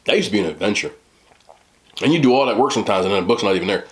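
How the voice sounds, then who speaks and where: Man in his thirties, lowish voice, slangy joking mukbang host, rambling casually, talking while eating. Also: animated, racing. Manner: talks between bites while eating. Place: small indoor room, seated at a table.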